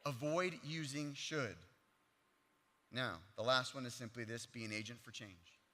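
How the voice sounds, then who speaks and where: Bright-voiced male pastor in a reverberant hall. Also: medium pitch, a little slow. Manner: earnest, plain-spoken, animated, with conversational fillers. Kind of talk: conversational sermon. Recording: long reverb of a large hall.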